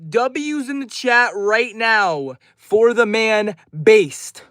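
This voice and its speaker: A man's voice: high-pitched, drawn-out words, fairly bright tone, no room sound. A twenty-year-old man live streaming, reading out chat names and answering each message in a friendly, upbeat way. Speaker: livestreamer.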